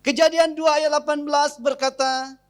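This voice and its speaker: Man, pastor, Sarawak Malay accent, high voice, lively, jokey sermon, acts out scenes. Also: normal speed. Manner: animated, jokey, acts out wife and husband in little scenes.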